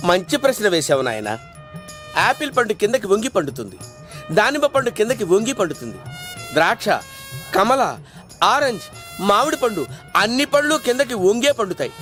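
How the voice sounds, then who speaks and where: An actor playing a bumbling fake godman in a film comedy, excitable and swinging between squeaks and growls. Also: moderate pace, long pauses. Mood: preachy. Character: bumbling fake godman Banana Baba, male. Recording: film soundtrack with loud music.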